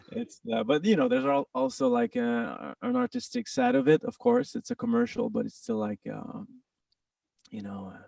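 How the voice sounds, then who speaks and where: A man with a French-Canadian accent, a guest talking casually in an interview, halting with many restarts and quick laughs. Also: mid-range voice, gravelly, a little mellow, no echo, far from the mic. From Quebec, Canada.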